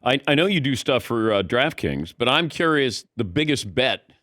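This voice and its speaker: A man's voice: mid-range voice, sing-song, normal speed, a bit bright, no echo, clean studio sound. A middle-aged man hosting a sports talk show, asking curious questions in an easygoing way. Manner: curious, easygoing, laughs along. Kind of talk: casual interview questions.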